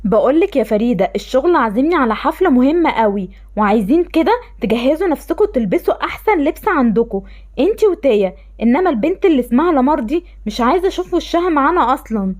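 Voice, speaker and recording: A woman's voice: high-pitched, sing-song, quick pace, darkish tone. A woman doing a harsh, scornful father. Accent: Egyptian Arabic. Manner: cold, scornful. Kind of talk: voiced game-animation story.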